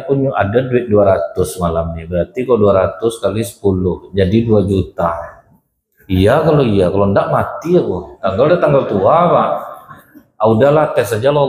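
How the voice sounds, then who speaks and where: Folksy Riau Malay preacher in a mosque. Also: male voice, on the high side, a little mellow. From Riau, Indonesia. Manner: folksy, addresses listeners as Pak. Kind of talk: mosque sermon with storytelling. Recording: echoey mosque hall.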